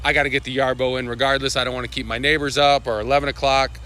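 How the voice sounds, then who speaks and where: Hosting a live product-update session, this man speaks quickly in a mid-range voice that's bright and forceful but flat in delivery. He rambles loosely, dropping lots of fillers, restarts and side comments.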